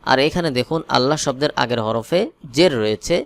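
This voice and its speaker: A man teaching Quran reading letter by letter, explaining in a calm steady voice with slow chanted recitations between. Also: medium pitch. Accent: Bangladeshi Bengali. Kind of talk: spelling-out Quran recitation lesson.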